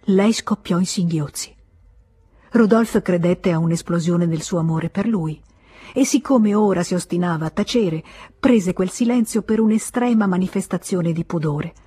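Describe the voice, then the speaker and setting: Lettrice con voce molto velata e bassa. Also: female voice, normal speed, slightly rough. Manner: expressive, voices the characters' dialogue with feeling. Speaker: audiobook narrator. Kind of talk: dramatic literary reading.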